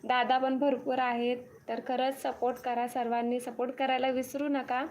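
A young woman hosts a casual live stream from her farm home near a cattle shed, greeting viewers one by one, reading their comments aloud and thanking each by name again and again. Her voice is high and a little mellow, flat in delivery and at normal speed, with slight background noise.

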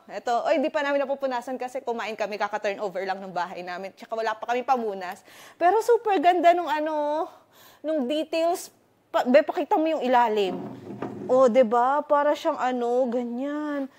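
A woman from the Philippines, excited and chatty, walking through her new house on a casual vlog tour and mixing in English words. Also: sits high, moderate pace, a little hiss or hum. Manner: excited, chatty, filler-heavy, switching between Tagalog and English. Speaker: vlogger giving a house tour.

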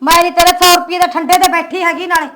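A woman playing a sharp-tongued, quarrelsome village wife in a homemade comedy drama. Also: very high-pitched, level tone, fast. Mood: angry.

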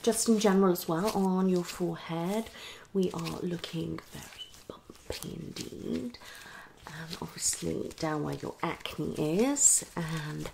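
In a small living room at home, a woman in her thirties performs an ASMR roleplay as a dermatologist, moving between whispers and soft speech. Her fairly low, gravelly voice takes things slowly, though her reassuring clinical patter to the patient feels hasty. The background is noisy.

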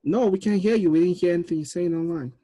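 Hosting a table read over a group video call, a film director in his thirties talks casually through an earbud headset from a small room. He has a high, warm voice and speaks quickly, captured in a dry recording.

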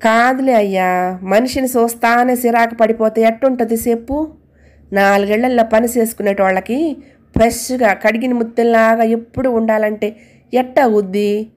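A woman's voice: on the high side, fairly even intonation, normal speed, darkish tone, natural voice. A woman voicing a poor, plain-spoken older housemaid who talks in rustic colloquial speech. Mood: pleading.

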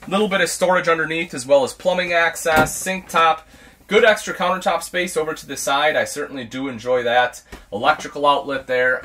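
A man's voice: on the high side, pushed and bright. A man in his thirties giving a casual, chatty walkthrough of a travel trailer as a product specialist, recorded inside the small trailer. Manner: easygoing, chatty, lots of "you know".

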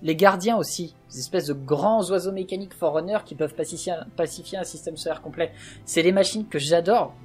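A man's voice: on the high side, a little fast, a little mellow, husky, soft background music. A man hosting a let's play, talking in casual gaming chat, passionate and opinionated, going off on a rant.

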